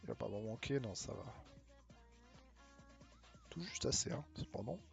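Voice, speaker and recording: A French man chats loosely through a live game stream at an ordinary middle pitch, joking with viewers as he plays. When he switches to English it comes out halting and thick with a French accent. Faint music runs quietly under his voice. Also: lively intonation, creaky. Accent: heavy French accent when speaking English. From France. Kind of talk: casual live-stream chat while playing a mobile game.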